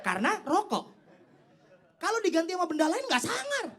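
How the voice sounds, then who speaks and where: Lively slang young man doing stand-up. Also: brisk. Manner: animated, teasing the crowd, big jumps in pitch for punchlines. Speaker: stand-up comedian. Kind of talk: stand-up comedy set. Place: comedy stage before a live audience. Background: audience laughter and applause.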